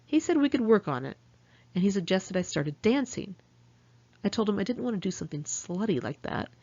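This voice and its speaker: A brisk, sing-song American woman with a mid-range, slightly mellow voice narrates her memoir herself. The first-person audiobook reading is candid, conversational and a bit salty, and the audio is dull.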